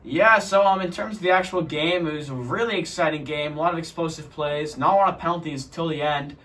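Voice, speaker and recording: A teenage boy interviewing classmates and chatting about sports in a rapid, filler-heavy way. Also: a little high, a bit bright. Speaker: student interviewer. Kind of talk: casual sports chat.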